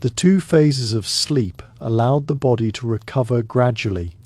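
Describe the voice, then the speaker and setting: A man narrating a scripted bedtime history in a monotone delivery with little stress on any word. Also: mid-range voice, moderate pace, no room sound.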